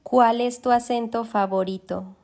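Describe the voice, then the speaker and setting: A woman host and Spanish tutor interviewing a guest with friendly, brisk questions. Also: a little high, steady tone, creaky, a little mellow, a little hiss or hum.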